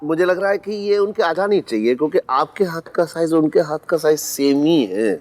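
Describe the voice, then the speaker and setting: Actor as a stammering, defensive middle-aged suitor in a sitcom; fairly high voice. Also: male voice, lively intonation, normal speed, darkish tone, slight background noise, close to an everyday voice. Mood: smooth flirting. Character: flustered middle-aged man caught flirting. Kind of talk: TV sitcom acting.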